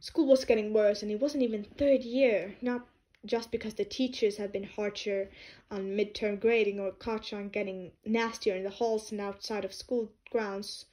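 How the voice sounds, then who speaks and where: A woman's voice: mid-range voice, steady tone, normal speed, dark tone. A young woman reading fan fiction aloud at home in a casual, unpolished way, sometimes correcting herself and repeating words. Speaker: podfic reader.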